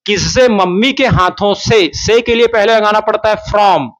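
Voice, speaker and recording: A man teaching a spoken English lesson in Hindi, drawing out his English example sentences slowly. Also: high voice, soft background music. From India. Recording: dull lo-fi sound.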